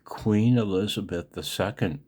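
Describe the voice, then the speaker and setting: A man in his sixties from the United States, rambling emotionally in a casual video message, halting with many ums, recorded on a phone held in his hand. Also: on the low side, a little mellow, breathy edge. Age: 60s. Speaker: amateur radio vlogger.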